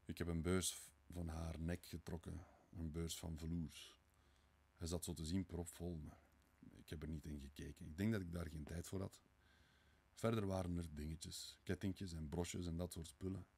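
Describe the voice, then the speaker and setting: A man's voice: sits low, flat delivery, moderate pace, darkish tone. A man voicing a weary, brooding young murderer in an audiobook reading, tired, curt and muttering.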